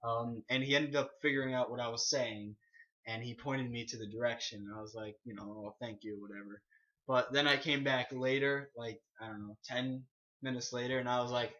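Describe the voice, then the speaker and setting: A man's voice: mid-range voice, steady tone, fairly quick, sharp tone. Hesitant man on a lo-fi podcast. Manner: hesitant, many ums and restarts, laughs while telling stories. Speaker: podcast co-host. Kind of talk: casual podcast chat.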